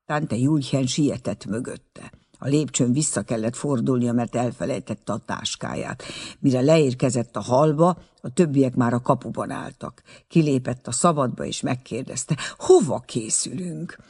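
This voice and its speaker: A man's voice: medium pitch, darkish tone, husky. A man narrating a novel as an audiobook, telling the story expressively.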